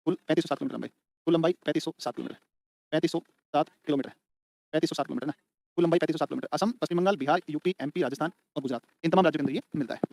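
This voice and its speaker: Speaking rapid-fire in a fairly high, creaky, darkish voice, a man runs an exam-prep class, calling students beta and bhai and repeating each point again and again for their notes. There's a little hiss or hum on the recording.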